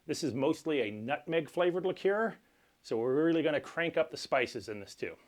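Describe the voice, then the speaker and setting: Man, somewhat higher pitch, cocktail tutorial host, measured instructional delivery, step-by-step explaining. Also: lively intonation. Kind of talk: cocktail recipe tutorial presentation.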